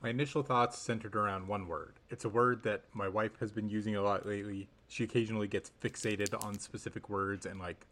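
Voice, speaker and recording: Male podcast analyst, somewhat low pitch, casual, halting and thoughtful. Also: steady tone, fairly bright tone. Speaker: sports podcast co-host.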